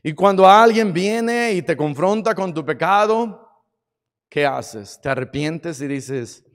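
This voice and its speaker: A man preaching a sermon in a church, acting out scenes dramatically and swinging from shouts to quiet. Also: on the high side, expressive, takes it slowly. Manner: dramatic, acts out stories, shifts from shouting to quiet. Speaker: pastor. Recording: long hall reverb.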